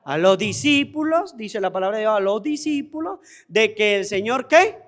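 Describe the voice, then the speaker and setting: A priest giving a homily at mass, with a Venezuelan Spanish accent, asking rhetorical questions and answering them himself, repeating phrases for emphasis. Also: male voice, high-pitched, lively intonation, normal speed, fairly bright tone.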